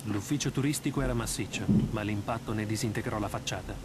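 An actor voicing a tense male writer narrating his own nightmare in a dubbed video game. His voice sits low and grave, the delivery measured like a storyteller's. A clear hiss of game noise sits behind him. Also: close to an everyday voice. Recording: game audio with background noise.

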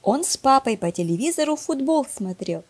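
A woman librarian reading a first-person children's story aloud in a lively, expressive way. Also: high-pitched, normal speed, slightly rough.

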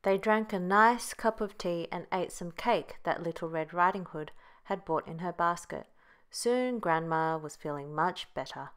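Woman reading a kids bedtime story, lowish voice, super clear and bright. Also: unhurried. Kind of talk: children's bedtime story narration.

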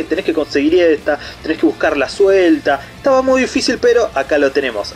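A man with an Argentine Rioplatense accent talks through an unboxing in a rambling, enthusiastic way. His voice sits high and swoops up and down all the time. Soft music plays faintly behind him. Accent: Argentine Rioplatense Spanish. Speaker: unboxing channel host. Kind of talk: casual unboxing commentary.

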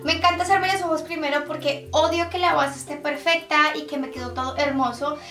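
A woman's voice: high voice, fairly even intonation, fairly quick, a bit bright. A young woman hosting a casual makeup tutorial, chatty and explaining step by step with lots of diminutives. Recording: echoey room, a bit distant, faint music.

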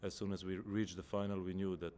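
A man in his thirties with a very deep, even voice answers post-match questions as a footballer. He speaks in a measured way and often pauses to search for the right words. He is heard at a table microphone in an indoor press room. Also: slight background noise. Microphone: table microphone in front.

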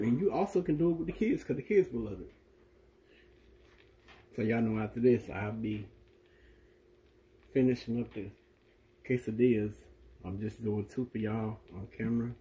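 A man's voice: mid-range voice, rough recording. A man with a Southern US accent hosting a home cooking vlog, talking casually to viewers while he cooks at the stove. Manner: relaxed, talks straight to viewers.

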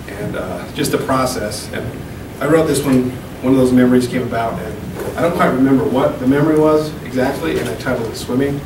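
At an open mic in a small room, a man in his thirties stands at a podium and reads poems into a handheld mic, slow and deliberate, with casual asides in between. His voice is mid-range, and the camera sits far off in an echoey room with some hum.

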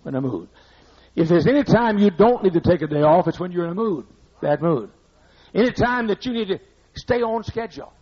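On a muffled old recording, an older male pastor preaches a sermon in a church sanctuary. His voice is high-pitched with a breathy edge, and he speaks bluntly and conversationally, scolding the congregation through asides.

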